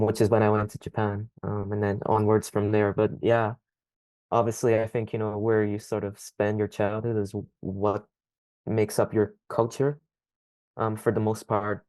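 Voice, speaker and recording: A young man speaks in a low, fairly monotone voice, answering a podcast host's questions at an unhurried pace. He hesitates often with "um" as he thinks aloud. The sound is dry and close, with no room echo. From Scotland. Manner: thoughtful, hesitant, frequent ums. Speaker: podcast guest. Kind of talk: casual interview answers.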